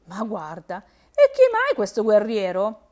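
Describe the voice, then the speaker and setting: A woman's voice: mid-range voice, wildly swooping pitch, takes it slowly, darkish tone. A woman voicing a curious, bold little frog in a spoken fairy tale.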